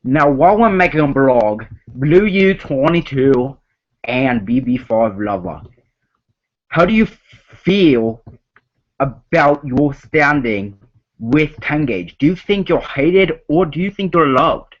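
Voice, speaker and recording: A man's voice: medium pitch, lively intonation, slow pace. A man hosting a live online game show in a put-on Australian accent, rambling and speaking straight to the players. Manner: rambling, addressing players directly. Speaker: host of an online reality game. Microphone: voice call. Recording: dull lo-fi call audio.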